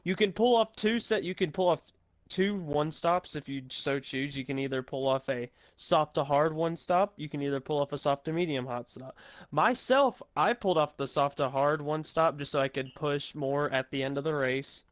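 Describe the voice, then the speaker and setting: A man co-commentates an online sim race, explaining tire strategy step by step. His voice sits a little high. The sound is dry and close, with no room echo. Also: moderate pace, highs cut off. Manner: explanatory, talks strategy in detail.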